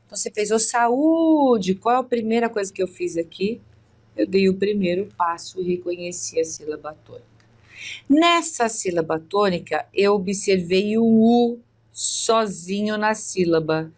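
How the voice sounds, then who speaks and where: A woman with a Brazilian Portuguese accent giving an online exam-prep lesson, explaining step by step and often checking in with the viewer. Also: lowish voice. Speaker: teacher.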